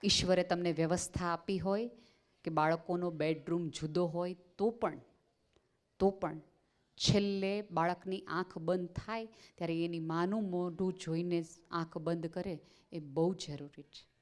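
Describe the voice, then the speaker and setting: A woman's voice: lowish voice, steady tone, unhurried. A woman speaking at a parenting seminar, talking earnestly to parents and slipping into quoted voices as she tells stories. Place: school seminar hall.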